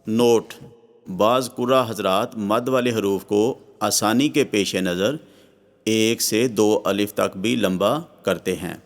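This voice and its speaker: Smooth-voiced man teaching Arabic letters. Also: on the low side. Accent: Pakistani Urdu. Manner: slow drawn-out recitation of Arabic letters. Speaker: Quran reading teacher. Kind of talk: scripted lesson narration.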